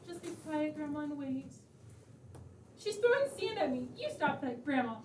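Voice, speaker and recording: A woman's voice: high-pitched, fairly quick, slight background noise, lightly acted. A woman playing a domineering, impatient wife in an absurdist stage play, curt and commanding. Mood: impatient, scolding. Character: bossy, impatient, domineering wife called Mommy. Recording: echoey stage, far off, loud music.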